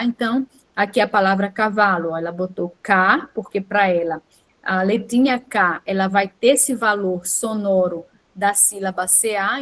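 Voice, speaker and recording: A woman gives an online lesson, explaining step by step, checking in with a quick "tá?" and correcting herself mid-sentence. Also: medium pitch. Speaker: teacher preparing students for a teaching exam.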